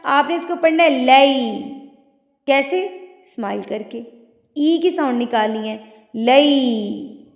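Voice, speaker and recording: High-voiced woman teaching tajweed. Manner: explains patiently, then recites slowly and drawn out. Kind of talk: teaching lesson with recitation. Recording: echoey room with long reverb.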